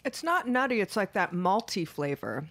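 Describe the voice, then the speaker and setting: A woman's voice: mid-range voice, big pitch swings, moderate pace, fairly bright tone, dry recording. Chatty woman hosting a radio show. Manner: chatty, jokey, talks while eating. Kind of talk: casual radio interview. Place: radio studio.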